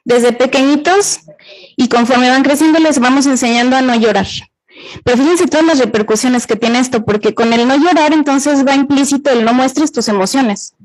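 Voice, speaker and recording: A Mexican woman with a high voice gives an interactive talk to students. She explains carefully, asks the room questions and repeats their answers back to them. She sounds middle-aged. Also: normal speed, poor audio. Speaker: university gender violence workshop speaker.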